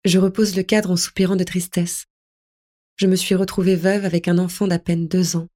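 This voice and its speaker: Woman reading a story, soft and tender, melancholy tone, slightly low voice. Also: level tone, moderate pace. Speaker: narrator. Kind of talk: first-person audiobook narration.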